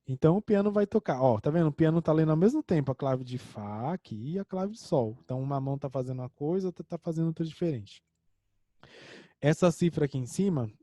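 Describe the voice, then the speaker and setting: Dark-voiced Brazilian male music teacher. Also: mid-range voice, dry recording, studio quality. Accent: Brazilian Portuguese. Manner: explains step by step, sings short examples. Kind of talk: online music theory lesson.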